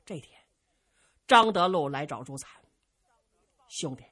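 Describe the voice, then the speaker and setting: A woman's voice: low-pitched, expressive, moderate pace, a bit bright. A woman performing traditional pingshu storytelling with a vivid, dramatic delivery.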